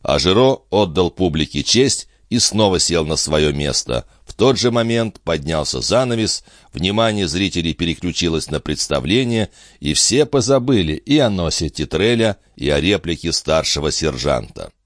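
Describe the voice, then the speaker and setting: A man narrating an audiobook in expressive storytelling manner. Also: low-pitched, moderate pace, hardly any pauses, no room sound, studio quality.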